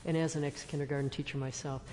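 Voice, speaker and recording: A woman's voice: low-pitched, little pitch movement, fast talker, mellow, big-room sound, slight background noise. A woman board member adding a point in a meeting, speaking with emphasis. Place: meeting room.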